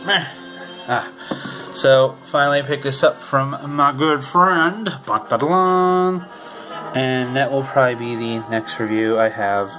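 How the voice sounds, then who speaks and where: A young man talks casually at home, rambling and restarting as he comments on records. His voice sits in a middle register. Loud record music plays behind him the whole time. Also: medium pitch, fairly even intonation, poor audio. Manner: rambling, halting, with frequent restarts. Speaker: channel host. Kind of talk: casual commentary over vinyl record playback. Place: home room. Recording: music playing loudly behind the voice.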